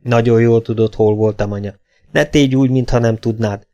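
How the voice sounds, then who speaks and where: A man's voice: mid-range voice, steady tone, mellow, lo-fi sound, lightly acted. Man voicing a tense, insistent grown son. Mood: pleading. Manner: firm, insistent, sometimes pleading. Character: tense grown son, quietly controlling his mother. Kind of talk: audiobook character voice.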